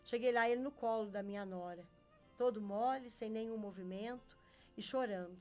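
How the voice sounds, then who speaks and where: A woman's voice: a little high, moderate pace, warm tone, faint music behind. A middle-aged Brazilian woman giving a faith testimony as an interview guest. She tells her story earnestly and acts out what each person said. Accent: Brazilian Portuguese. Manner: earnest storyteller who acts out quoted dialogue.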